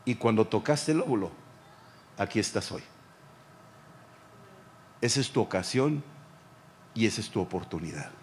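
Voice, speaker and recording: A man with a Mexican accent, a pastor preaching a sermon, repeating phrases and dropping to quiet lines. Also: lowish voice, big pitch swings, normal speed, long pauses, a little hiss or hum.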